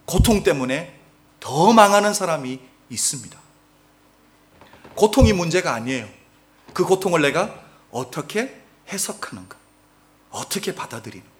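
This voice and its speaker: A male pastor delivers an animated sermon in a high voice that leaps up and down. He keeps asking the congregation questions and shifts from loud emphasis to near-quiet asides. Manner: animated preaching, asks the congregation questions, swings between loud and soft. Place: church sanctuary.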